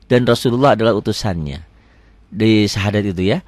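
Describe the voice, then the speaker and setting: A man's voice: lowish voice, a little fast, no room sound. A middle-aged man, teaching prayer recitation and correcting pronunciation line by line. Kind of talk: patient religious lesson.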